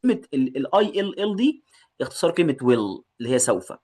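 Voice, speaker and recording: A man's voice: medium pitch, very animated, fast talker, a little mellow. A man with an Egyptian Arabic accent teaching a lesson, asking questions and answering them himself and repeating each word for his pupils. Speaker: English teacher.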